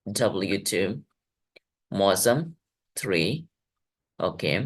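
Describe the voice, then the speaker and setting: A man teaching an online English class to children, encouraging them and stretching out words to demonstrate sounds. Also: low voice. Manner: encouraging, drawn-out word demonstrations.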